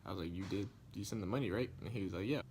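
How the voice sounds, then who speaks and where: Low-voiced young man telling a story. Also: very fast, slight background noise. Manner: animated, acts out quoted lines, rises in pitch when indignant; loose slangy speech with many likes and restarts. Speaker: vlogger. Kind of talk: casual storytime vlog.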